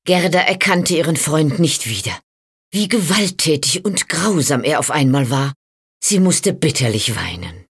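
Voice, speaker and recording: A woman narrating a fairy tale in a slow, dramatic storytelling manner that speaks to the listener. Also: sits low, sing-song, breathy edge. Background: faint music.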